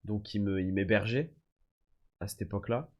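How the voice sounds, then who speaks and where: A young man from France livestreams in a fairly low, slightly mellow voice at a moderate pace. He tells his viewers stories in casual slang, calling them "les gars" and "frère", and he's often sick.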